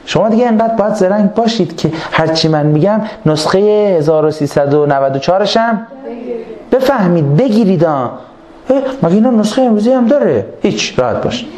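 Guy preaching like he's telling a story, bit high voice, lively, roomy echo. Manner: lively, acts out quoted voices, colloquial. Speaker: religious lecturer. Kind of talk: storytelling religious lecture. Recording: echoey room with faint ambient noise.

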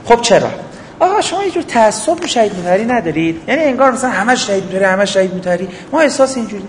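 High-pitched guy preaching, lots of "why?" questions, acts out little scenes, boomy hall with long echo. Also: animated, slight background noise. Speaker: religious lecturer. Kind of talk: religious lecture. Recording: echoey hall, faint ambience.

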